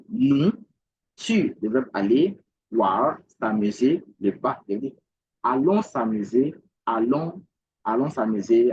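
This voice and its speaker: Slow, husky man teaching Mandarin. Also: mid-range voice, a little mellow, dull audio. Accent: Ivorian French. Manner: repeats each word slowly, asks checking questions. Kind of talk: language lesson.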